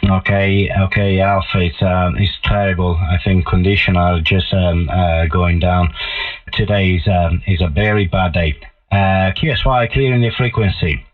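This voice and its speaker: A man with an Italian accent talking as an amateur radio operator over a radio link, in halting phrases with many pauses. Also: sits low, fairly even intonation, over music. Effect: radio transmission. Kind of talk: ham radio contact talk. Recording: tinny narrow-band radio sound.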